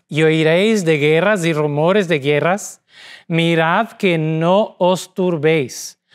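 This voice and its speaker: A pastor from Portugal preaches a sermon in Spanish, his second language, with a Portuguese accent. His fairly high-pitched voice moves deliberately, pausing between phrases.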